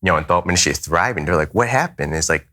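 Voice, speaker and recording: A man with a very deep voice and a bright, forceful edge speaks at a roundtable. He talks earnestly, often restarting his sentences as he works through a thought. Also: expressive. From United States. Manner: earnest, halting, with many restarts. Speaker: chaplain. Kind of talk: roundtable discussion.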